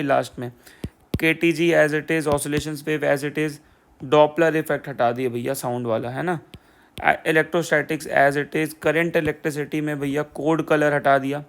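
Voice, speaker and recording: Sarcastic young man with gravelly voice. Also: fairly high pitch. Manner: sarcastic, repeats "theek hai bhai" and "poora poora". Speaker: exam prep educator. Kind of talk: casual explainer video.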